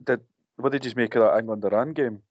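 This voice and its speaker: A man's voice: medium pitch, fast talker, no room sound, muffled recording. A man co-hosting a casual movie podcast, blunt and sweary, often laughing. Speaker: podcast co-host.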